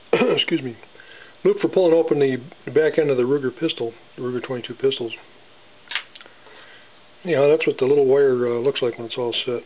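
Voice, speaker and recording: A man in his workshop casually showing how he welds small wire parts, talking haltingly with many fillers and restarts. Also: medium pitch. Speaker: gunsmith demonstrating welding. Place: home workshop bench. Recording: tinny, lo-fi with faint hiss.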